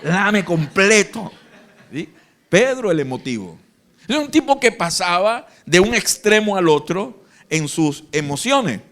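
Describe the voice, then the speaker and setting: Animated Venezuelan pastor preaching. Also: male voice, high voice, a little slow. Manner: animated, acts out Bible scenes in voices. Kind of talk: live sermon. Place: church hall.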